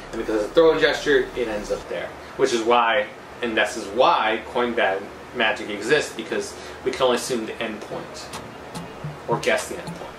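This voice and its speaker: A man with a mid-pitched voice gives an informal magic tutorial. He rambles loosely and thinks aloud as he explains. The room is echoey and he sounds set back from the microphone, with music clearly behind him. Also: far from the mic.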